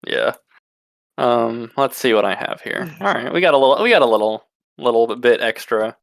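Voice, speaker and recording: A man as game master, chatting casually out of character with his players, relaxed and swearing freely. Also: mid-range voice, normal speed, gravelly, no room sound.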